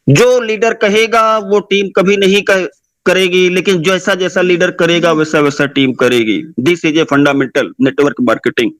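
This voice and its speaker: A man's voice: sits high, a bit bright, no room sound. A man giving an impassioned motivational speech to listeners, repeating his points and exhorting them. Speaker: motivational speaker.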